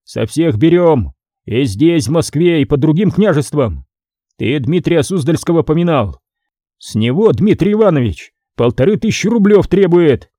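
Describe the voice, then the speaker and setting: A harsh tax scribe from old times, stern and mocking, his voice raised high and loud above the reader's own, as a man puts him on. The tone is dark and mellow, with a lively swing in pitch. The recording is close and dry, as in an audiobook. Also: moderate pace, no room sound.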